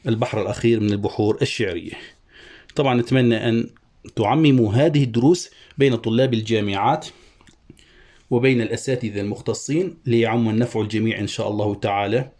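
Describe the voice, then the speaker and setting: Middle-aged guy teaching poetry meter, warm low-key voice, chants syllables out slow one by one. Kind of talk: Arabic prosody lesson.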